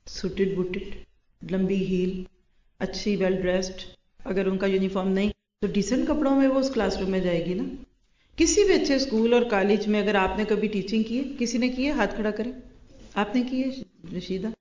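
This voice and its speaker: A woman's voice: mid-range voice, a little mellow. A woman teaching a religious lesson to a class of women, often turning to her listeners with questions. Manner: asks the class rhetorical questions. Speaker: Quran teacher. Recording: roomy, dull lo-fi recording.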